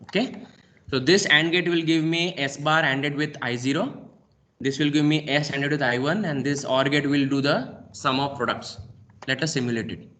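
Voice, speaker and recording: A man with an Indian English accent, a lecturer walking through a software lab demonstration step by step and saying "okay" often. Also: fairly high pitch, steady tone, normal speed. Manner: talks through each click step by step, frequent "okay". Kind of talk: screen-recorded software lab demo.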